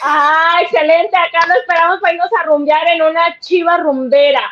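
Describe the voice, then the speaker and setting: A woman with a Guadalajara Mexican accent talks casually on a sports show. She is chatty and quick to giggle. She calls in over a remote link that sounds dull and lo-fi. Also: very high-pitched, steady tone, fairly bright tone, slight background noise. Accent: Guadalajara Mexican Spanish. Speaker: sports correspondent.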